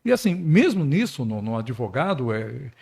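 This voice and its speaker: A man's voice: medium pitch, sing-song, normal speed, gravelly, a little mellow, breathy edge. A man with a Brazilian accent, hosting a podcast and asking questions with hesitant restarts. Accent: Brazilian Portuguese. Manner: hesitant, restarts his phrasing. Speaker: podcast host. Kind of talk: interview questions.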